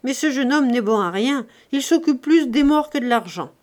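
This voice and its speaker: A woman's voice: mid-range voice, unhurried, a little mellow, close to an everyday voice. A woman doing an old miserly uncle. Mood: dismissive. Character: old miserly man, cold, calculating uncle. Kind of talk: audiobook reading of a classic novel.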